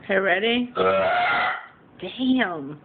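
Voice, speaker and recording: A woman's voice: medium pitch, expressive, drawn-out words. A woman chatting casually in a bossy, teasing, blunt way as she eggs people on. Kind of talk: casual chat, egging on a family burping contest. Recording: tinny phone-like audio with loud background noise.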